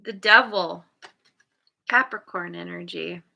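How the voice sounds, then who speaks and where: Reading tarot casually, this woman has a low-side, creaky voice with a sharp edge and a slow pace. She's hesitant, full of fillers and restarts, and occasionally chuckles at her own words.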